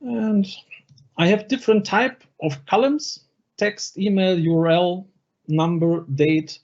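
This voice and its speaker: A presenter at an online user group event giving a live software demonstration, talking through each click step by step over a video call microphone. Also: mid-range voice, takes it slowly, muffled recording.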